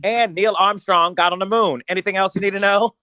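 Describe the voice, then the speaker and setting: A man's voice: high voice, steady tone, fairly quick, pushed and bright, clean tone, no room sound. A man co-hosting a podcast in casual chat, brash, crude and sarcastic, laughing often. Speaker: podcast co-host.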